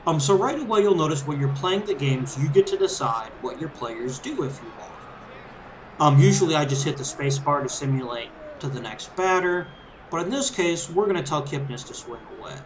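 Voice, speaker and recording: A man's voice: on the high side, expressive, brisk, slight background noise, low-quality recording. A man giving casual, conversational, easygoing commentary as he hosts a let's play of a game. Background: video game crowd ambience and background music.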